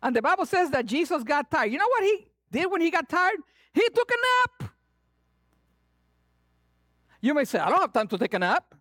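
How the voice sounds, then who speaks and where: Preaching a lively sermon at a brisk clip, a male pastor with a Latin American Spanish accent uses a voice pitched high for a man. It comes across close and dry, with no room sound. His animated, playful delivery alternates between punchy, loud emphasis and soft, hushed asides.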